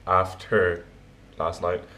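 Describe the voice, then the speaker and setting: A man in his twenties chatting casually to the camera at home, sounding tired and low-key, rambling with pauses. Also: monotone, bright, forceful tone. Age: 20s. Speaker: daily vlogger. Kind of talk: casual vlog chat to camera. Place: home kitchen-living room, indoors. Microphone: camera at arm's length.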